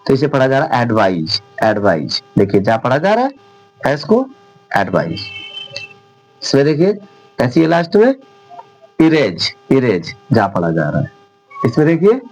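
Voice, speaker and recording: A male teacher talks through an English lesson, his throat sore and rough. His pitch rises and falls a lot as he patiently spells words out letter by letter. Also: a little mellow, low-quality recording. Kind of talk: spoken Hindi English lesson.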